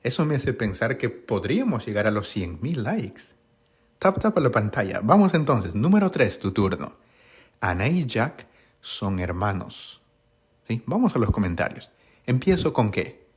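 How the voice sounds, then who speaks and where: Husky animated teacher man. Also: mid-range voice. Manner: asks questions and answers them himself; sounds out English words slowly. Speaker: English teacher. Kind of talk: online grammar lesson.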